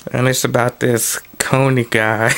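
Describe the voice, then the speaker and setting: This man, a political commentary vlogger, reads the news in a low, flat, smooth voice. He keeps to a plain delivery but keeps interrupting himself with casual remarks, offhand asides and restarts.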